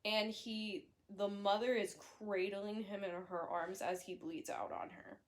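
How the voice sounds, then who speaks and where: A woman's voice: mid-range voice, fairly even intonation, measured pace. A young woman casually recapping a horror story, chatty and blunt, with fillers, self-corrections and the odd swear. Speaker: book reviewer.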